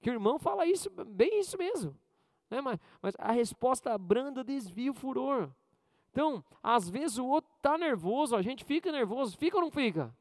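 Pastor preaching. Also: male voice, very animated, normal speed, no echo. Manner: swings between loud high bursts and quiet low asides. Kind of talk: sermon.

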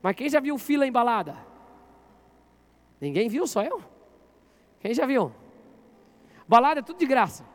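A male pastor with a very high-pitched voice delivers a sermon in church. He talks with the crowd, asking questions and telling them to turn to the person beside them. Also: very animated, moderate pace, pauses often. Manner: interactive, asks the congregation questions.

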